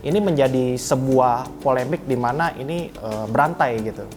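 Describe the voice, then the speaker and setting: A man in his mid twenties, a business development officer, gives earnest, formally phrased opinions in an interview, reflecting as he answers. He speaks at normal speed with a medium pitch, and music plays in the background.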